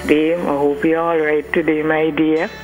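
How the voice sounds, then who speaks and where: Birthday greetings on a call-in show come from a caller with an Antiguan accent, rambling and linking names with frequent "you know". The voice is medium-pitched, level, darkish and at normal speed, over a clipped, faintly humming phone line with soft background music.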